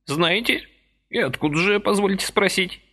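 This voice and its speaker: Man putting on a squeaky, fussy old man. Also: normal speed. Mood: indignant. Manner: high, animated and indignant. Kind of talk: audiobook character voice.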